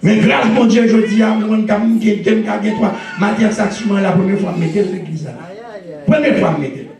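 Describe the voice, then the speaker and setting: A male pastor with a Haitian accent preaching a sermon with call-and-response and frequent shouts. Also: high voice, moderate pace, gravelly, soft background music. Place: church sanctuary. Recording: echoey church recorded from a distance.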